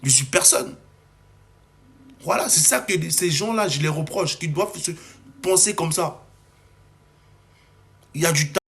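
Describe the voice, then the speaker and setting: Young man from Cameroon, fairly high voice, agitated vlog rant with many restarts. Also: moderate pace, creaky, long pauses, fairly bright tone. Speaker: comedy video maker. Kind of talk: heated monologue to camera.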